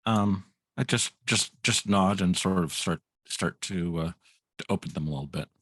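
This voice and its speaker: A man player in a tabletop game, working through his character's actions with hesitant, repeated words. His voice is very deep. The sound is dry and up close. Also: normal speed, fairly bright tone, dry recording.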